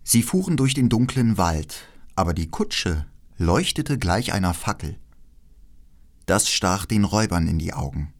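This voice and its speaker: A man narrates a fairy tale in a deep-leaning voice. His delivery is expressive, swinging widely in pitch as he tells the story. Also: unhurried. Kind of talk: fairy tale read aloud.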